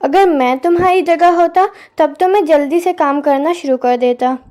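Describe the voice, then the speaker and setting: A woman's voice: high voice, normal speed, a little mellow, close to an everyday voice. A woman voicing a tired male donkey in a storybook tale, speaking in an earnest, warning way. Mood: worried.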